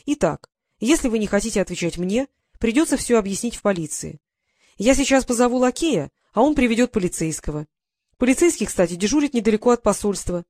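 A man's voice: sits high, lively intonation, brisk, darkish tone, no room sound. A stern aristocratic lord with a commanding, clipped manner, as an audiobook reader puts him on. He presses with question after question, cold and unbending. The sound is dry and close, with no room around it. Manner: stern, interrogating.

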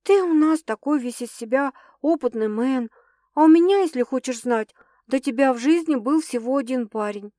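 Woman voicing a dramatic, excitable young woman. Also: moderate pace, no echo, clean studio sound. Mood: defensive. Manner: excitable, exclaiming, higher and louder than narration.

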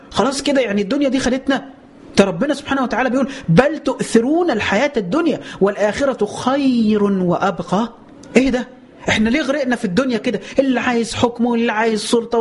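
A man with an Egyptian Arabic accent giving a colloquial religious lesson. He fires off rhetorical questions, lets out drawn-out exclamations, and slows right down to recite scripture. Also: very high voice, slight background noise. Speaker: preacher.

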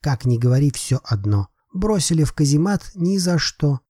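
A man's voice: fairly high pitch, very animated, moderate pace, dark tone, slightly rough, dry recording, clean studio sound, voice pushed up. A man reading an audiobook voices a proud, desperate older father who pleads emphatically in broken phrases.

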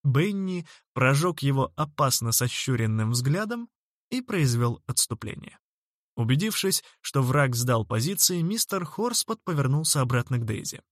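A man narrating a storybook in a measured, lightly ironic way. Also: mid-range voice, sing-song, no room sound, clean studio sound. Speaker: audiobook narrator.

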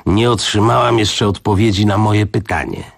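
A man reading the part of an angry, domineering woman who runs a girls' home, speaking in a raised, rapid voice. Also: on the low side, vocal fry, voice pushed up. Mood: hostile. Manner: shouting, indignant, rapid.

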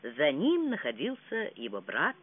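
An audiobook narrator reading a romance novel with dramatic, expressive delivery. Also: mid-range voice, a little slow, husky. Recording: tinny phone-like sound.

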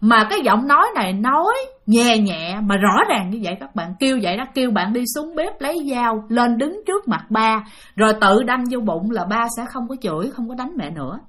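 A woman tells a spooky story in a loose, chatty way, turning often to her listeners. Her voice sits a bit high, talkative and easygoing. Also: animated, fairly quick, fairly bright tone. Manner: chatty, addresses listeners directly. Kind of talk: spoken ghost storytelling.

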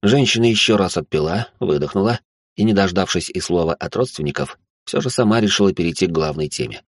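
A man reads a first-person story as its narrator, in a measured storytelling manner. His voice sits low and sounds husky. The recording is dry and close. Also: expressive, no room sound.

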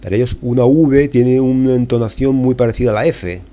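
A man's voice: medium pitch, a little fast, warm tone. A middle-aged man from Spain with a Spanish accent, talking through a casual, rambling lesson as a podcast host, full of fillers and tag questions. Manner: chatty, digressive, many tag questions and fillers. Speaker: podcast host and English teacher.

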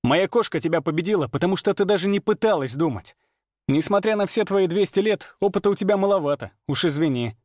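A man's voice: high-pitched, animated, fast, a little mellow, no room sound, clean studio sound, pitched above the performer's own voice. A man reading aloud and voicing a blunt, self-assured young hunter who speaks matter-of-factly. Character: cocky young male hunter, blunt and confident.

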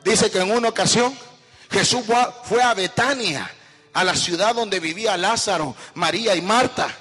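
High-voiced fervent man preaching in an echoing church. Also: normal speed, bright, forceful tone, breathy edge, faint music behind. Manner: fervent preaching with call-and-response questions to the congregation. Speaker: pastor. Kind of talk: sermon. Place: church hall. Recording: echoey church hall with long reverb.

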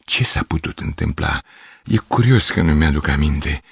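A man's voice: very deep voice, lively intonation, creaky, slightly rough, no echo, studio quality, full character voice. A man voicing an aging male piano teacher who is pompous and self-pitying, with a theatrical, pathetic way of declaiming. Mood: musing.

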